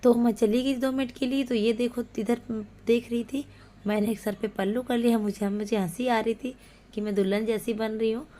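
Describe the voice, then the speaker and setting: Cooking in her own kitchen for her channel, an adult woman with young children keeps up a casual, homely and playful narration. She speaks at a moderate pace in a highish, mellow, steady voice, with slight background noise.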